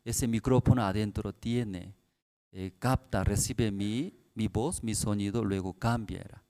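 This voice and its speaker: Slow, soft-spoken pastor with low voice. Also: male voice, fairly even intonation. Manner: simple broken Spanish with many tag questions; speaks softly and slowly to the congregation. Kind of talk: sermon at a prayer service.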